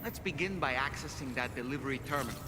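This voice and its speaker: A man's voice: medium pitch, quick pace, noisy background, natural voice. An actor playing a courteous male guide in a video game, giving polite, instructive scripted lines. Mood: polite, encouraging. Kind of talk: scripted game character dialogue. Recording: long hall reverb, loud music behind.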